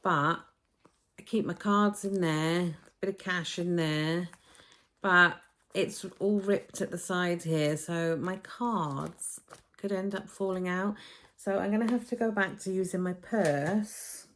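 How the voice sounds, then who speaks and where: Lowish-voiced woman, chatty haul vlogger, phone video recording. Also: steady tone, slow, fairly bright tone, slight background noise. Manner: chatty, talks to camera while unpacking shopping. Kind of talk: casual shopping haul vlog. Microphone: phone camera, filmed as a phone video.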